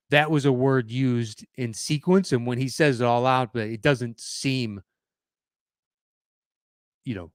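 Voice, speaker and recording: A man's voice: medium pitch, clean tone, no echo. Man talking sports on a dry mic. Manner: conversational, opinionated, frequent fillers and restarts. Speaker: podcast host. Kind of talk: solo sports commentary podcast.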